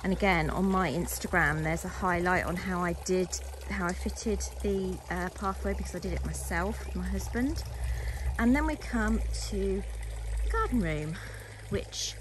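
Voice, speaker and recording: A gardening vlogger from England with a fairly low voice gives a chatty, casual commentary while walking viewers around her garden outdoors. She's recorded on a handheld phone or camera from behind the lens. The background is noisy.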